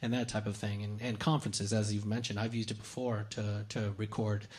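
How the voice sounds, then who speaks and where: A man's voice: lowish voice, level tone, fairly quick. Rambling man explaining gadgets. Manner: rambling explainer with many fillers and restarts. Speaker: tech news co-host. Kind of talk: casual tech chat.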